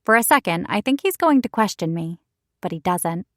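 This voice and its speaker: A woman reading a first-person romance audiobook in an expressive, wry storytelling manner, recorded close on a studio mic. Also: on the low side, moderate pace, dry recording. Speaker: audiobook narrator.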